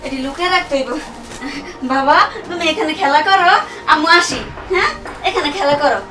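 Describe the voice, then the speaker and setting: A woman plays a scheming, quick-tempered stepmother who mutters fretfully to herself and turns loud and defensive. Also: high-pitched, lightly acted. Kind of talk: amateur short-film acting. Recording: echoey room, mic at a distance, music underneath.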